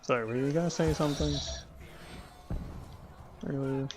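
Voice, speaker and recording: A man's voice: medium pitch, normal speed, background noise. A man hosting a gaming video, chatting casually with a friend while playing, rambling with lots of fillers. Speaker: gaming channel host. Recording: loud keyboard typing behind.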